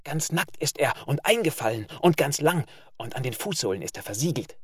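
A man voicing a sly little cadet boy in a breathless, hushed whisper, as whispered role-play. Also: a little high, expressive, brisk, breathy edge, no echo, clean studio sound, voice pushed up. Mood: breathless glee.

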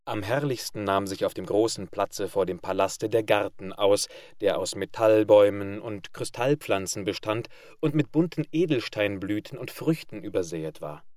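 Low-ish male voice, measured fairy tale reading, dry close sound. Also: dry recording. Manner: measured, even literary reading. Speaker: audiobook narrator. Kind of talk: scripted narration of a fairy tale.

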